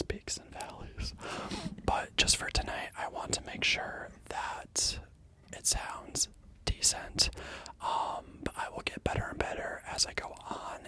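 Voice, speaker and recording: An ASMR channel host whispering softly into a handheld field recorder with a fluffy windscreen, repeating words for their sound. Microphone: handheld field recorder with fluffy windscreen, stereo.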